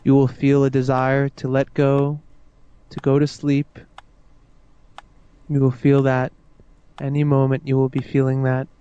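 A man guiding a listener into hypnosis with slow, soothing, repetitive suggestions. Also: medium pitch, monotone, warm tone, smooth, dull audio. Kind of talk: guided hypnosis induction.

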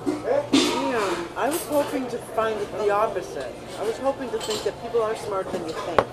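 Casual woman over loud music. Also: medium pitch, lively intonation, moderate pace, low-quality recording. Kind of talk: casual chat. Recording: field recording with loud music.

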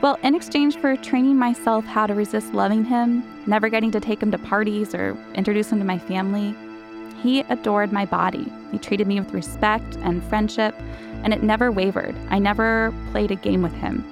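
A woman's voice: medium pitch, steady tone, moderate pace, vocal fry. A woman hosting a show, reading personal, confessional scripted narration in a candid way. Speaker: show host. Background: music.

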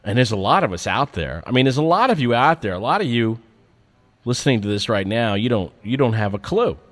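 A man telling a personal story as a monologue, in an animated, profane and self-mocking way. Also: mid-range voice, brisk.

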